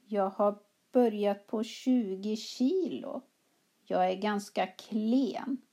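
A woman teaching a language class, reading both parts of a practice dialogue slowly and clearly with careful articulation. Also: medium pitch, mellow. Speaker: Swedish teacher.

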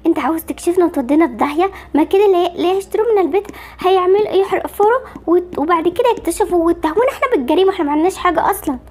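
A woman's voice: extremely high pitch, racing, warm tone. A woman voicing Barbie, an anxious, protective young mother with an Egyptian accent, fretful and soothing in an amateur game movie. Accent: Egyptian Arabic.

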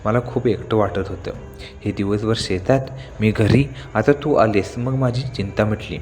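A man voicing a kind, lonely young village wife in a horror story, speaking in a warm, pleading way. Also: lowish voice, unhurried, long reverb tail, soft background music, natural voice.

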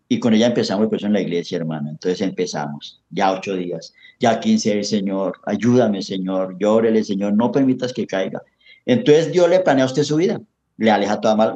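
A man's voice: mid-range voice, mellow, highs cut off. A middle-aged Colombian man with a Colombian accent, giving an earnest, preachy personal testimony in an interview and often calling the host brother. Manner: earnest, preachy, calls the host papi and hermano. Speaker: interview guest. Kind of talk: emotional testimony in casual chat.

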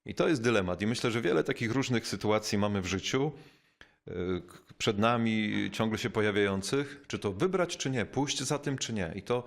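Thoughtful low-voiced man teaching. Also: expressive, gravelly. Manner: thoughtful, unhurried, with frequent pauses and fillers. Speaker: bishop giving a spiritual talk. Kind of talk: reflective spoken teaching.

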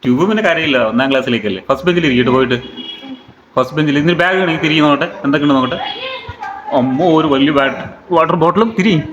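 A man's voice: fairly high pitch, fast, a crowd in the background. A man from Kerala, a father vlogging at home and playfully quizzing his small child. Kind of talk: casual family vlog. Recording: roomy, dull, noisy home recording.

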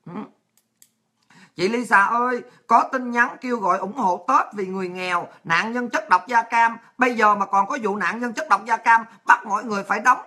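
A woman's voice: a little high, normal speed, bright, forceful tone. A woman with a Southern Vietnamese accent hosting a livestream, ranting crudely and abrasively while reading out viewer messages. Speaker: livestream host.

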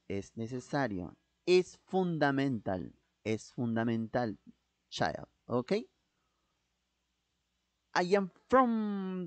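A man chats through a live stream in an unhurried, drawn-out way. He reads out viewers' messages and mixes English words into his talk. His voice sounds close and dry, with no room around it. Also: mid-range voice, darkish tone, dry recording. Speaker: live-stream host reacting to a TV class. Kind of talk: casual live-stream commentary.

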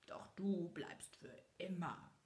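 Storybook beast, angry and gruff , voiced by a woman, slow low growl. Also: darkish tone, roomy sound, in a whisper.

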